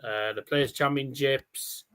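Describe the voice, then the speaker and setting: A man's voice: mid-range voice, fairly even intonation, slow, a bit bright, clear, resonant tone. A man giving casual live darts commentary as a stream host, chatty and rambling, with scores called out like a darts caller.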